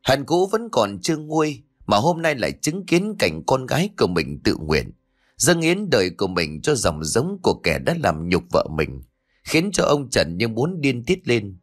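Male audiobook reader, expressive storyteller with varied pitch, soft music bed. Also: moderate pace. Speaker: audiobook narrator. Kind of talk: scripted story narration.

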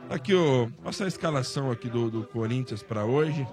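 A man from São co-hosting a sports radio show, reading out team lineups in a relaxed way. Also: mid-range voice, moderate pace, over music. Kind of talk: casual sports radio chat.

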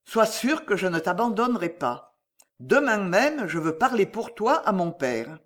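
A resentful young prince who confides in a low, quiet voice and turns scornful. An audiobook narrator voices him within a lively storytelling delivery. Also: measured pace. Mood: confiding.

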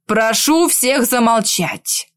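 A woman voicing a calm, authoritative emperor in an audiobook, speaking slowly and with solemn weight. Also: a little high. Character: older male emperor, calm, authoritative ruler.

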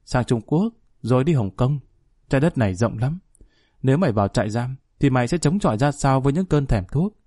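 A man's voice: medium pitch, animated, a little fast, mellow, dry recording, clean studio sound, natural voice. A man reading as a scared young runaway. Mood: frightened. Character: young man, scared drug-addicted son on the run.

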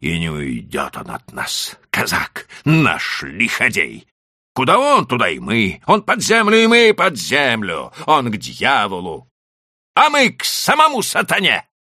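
A man voicing a desperate, hot-tempered male landowner who pleads and exclaims loudly in an audiobook. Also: medium pitch, wildly swooping pitch, a little slow, no room sound, clean studio sound, voice pushed up, full character voice. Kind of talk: audiobook character voice.

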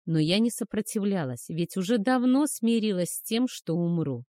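A woman narrating a first-person romance audiobook in a soft, measured, emotional way. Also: mid-range voice, expressive, no echo, clean studio sound.

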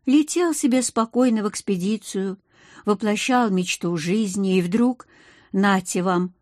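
A woman reading first-person audiobook narration in an even, measured way. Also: medium pitch, dry recording, studio quality.

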